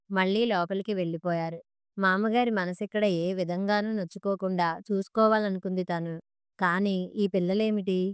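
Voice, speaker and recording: A woman reading a family story aloud in a calm, measured storytelling manner. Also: mid-range voice, smooth, no room sound, studio quality. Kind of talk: scripted story narration.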